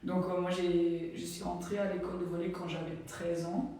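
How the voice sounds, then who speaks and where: A young Flemish-speaking volleyball player from Belgium, with a Flemish accent, gives a casual, filler-heavy tour of her home. Her fairly low, dark voice has vocal fry and little pitch movement at normal speed, recorded from a distance in an echoey room.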